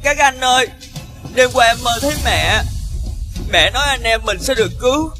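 A tearful little prince. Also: male voice, very high-pitched, expressive, moderate pace, over music. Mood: hopeful. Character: youngest prince brother, tearful and hopeful boy.

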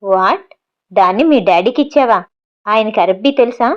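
A woman's voice: medium pitch, expressive, normal speed, muffled recording, close to an everyday voice. A woman voicing a playful, secretive young man on the phone in her own voice.

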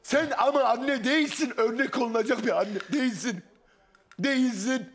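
A man's voice: very high-pitched, moderate pace. A distraught man, a grieving father, confronting someone with repetitive, pleading accusations. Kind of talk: emotional confrontation.

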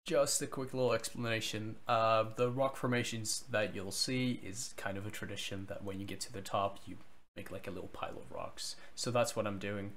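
A man's voice: lowish voice, steady tone, moderate pace, a bit bright, slight background noise. A man hosting a vlog, talking casually to camera in a rambling, self-deprecating way. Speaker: vlogger host.

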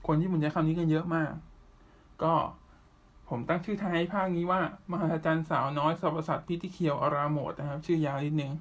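A man hosting a podcast, chatting casually through anime news and often pausing with drawn-out fillers. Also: a little high, steady tone. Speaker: podcast host.

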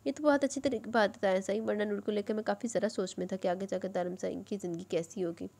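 A woman voicing a young male cousin who speaks in a low, confiding voice in an audiobook reading. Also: steady tone, vocal fry. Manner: hushed, confiding. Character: young man, cousin, chatty and curious.

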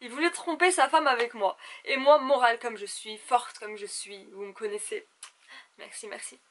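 A young woman chatting to camera in an animated, theatrical way, gossiping casually as if with close girlfriends. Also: fairly high pitch, moderate pace. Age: young adult. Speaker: beauty vlogger. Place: small indoor room at home.

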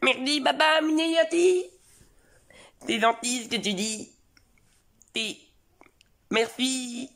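A man's voice: very high voice, slow pace, creaky, long pauses, bright, forceful tone, pitched above the performer's own voice, heavily acted. A man voicing a whiny, stubborn young Bowser child in a comedic fan parody. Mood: happy. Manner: whiny, insistent.

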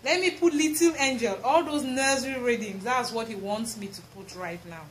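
Doing housework in her tiled indoor kitchen, a home vlogger in her thirties with a Cameroonian accent talks casually and expressively to camera in a voice on the high side at a moderate pace. The camera or phone is at arm's length or more away. The recording is echoey from the tiles, with clear noise.

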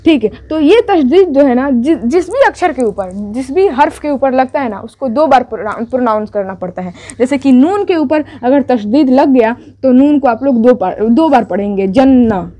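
A woman's voice: high-pitched, animated, moderate pace, few pauses, warm tone. A woman teaching a beginners' Urdu writing lesson step by step, patiently explaining each stroke and correcting herself as she goes.

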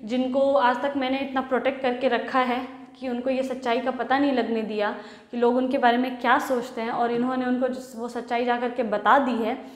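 A woman teacher with a fairly high voice retells a play scene by scene in a storytelling manner, mixing Hindi and English. She sounds as if recorded in a reverberant room, with a strong echo and a long tail. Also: level tone, fairly quick. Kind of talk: explaining a play in a lesson.

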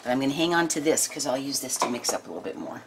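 A woman in her sixties, hosting a home cooking video in casual chat, homey and chatty with many pauses and ums. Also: extremely low pitch, sing-song. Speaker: home cooking channel host. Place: home kitchen, indoors. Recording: noisy home kitchen recording. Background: clinking dishes and pans.

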